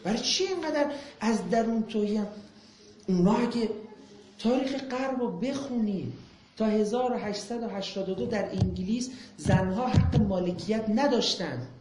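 Impassioned male lecturer, scornful rhetorical questions, boomy room with faint hiss. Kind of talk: public talk with Q&A. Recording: echoey room.

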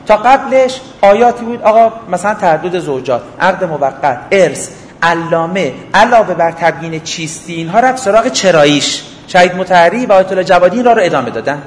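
Acting out brief everyday dialogues and rapidly posing rhetorical questions, a man delivers a religious lecture in a high, animated voice. A slight hiss or hum sits under the echoey hall's faint ambience.

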